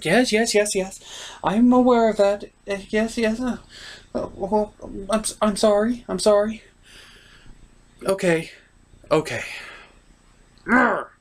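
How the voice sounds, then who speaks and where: In a scripted comedy skit, a man voices the puppet host of a cartoon review show, flustered and exasperated. His high-pitched delivery is halting and apologetic.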